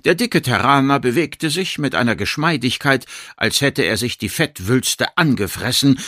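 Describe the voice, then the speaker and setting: A man reading science-fiction narration for an audiobook in a lively, expressive way. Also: mid-range voice, no echo, studio quality.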